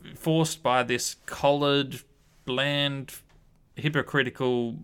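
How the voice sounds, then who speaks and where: A man guiding a Bible study conversation, his delivery thoughtful and measured. He speaks at a middling pitch and often pauses with ums as he works through an idea. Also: fairly even intonation, fairly bright tone, clean tone. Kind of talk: reflective group discussion.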